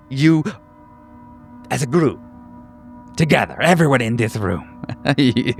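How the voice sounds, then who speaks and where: In a tabletop game, a medium-pitched man plays a fawning, sinisterly earnest group therapy doctor addressing a session theatrically. He halts, repeats himself emphatically and lets out nervous chuckles.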